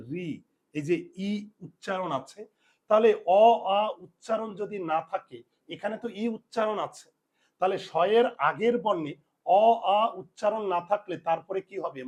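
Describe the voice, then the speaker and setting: A male language teacher giving a spelling lesson, repeating each rule and answering his own questions as he drills it. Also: high voice.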